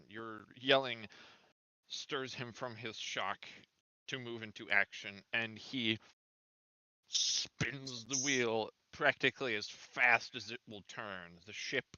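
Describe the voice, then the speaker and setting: A man's voice: fairly low pitch, bright, forceful tone, no room sound. A man acting as game master, describing scenes for a tabletop game, on a slightly dull lo-fi recording.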